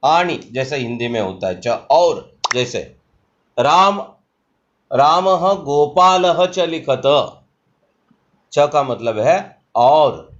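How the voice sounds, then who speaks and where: Slow, deliberate male Sanskrit teacher. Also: medium pitch, lo-fi sound. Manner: slow, deliberate explanation with example sentences. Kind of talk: exam-prep grammar lesson.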